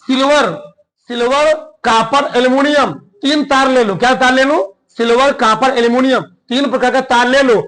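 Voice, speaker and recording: High-voiced teacher quizzing his class. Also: fairly bright tone, low-quality recording. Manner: keeps quizzing the class with rhetorical questions and repeating key words. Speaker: chemistry teacher. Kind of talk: classroom lecture.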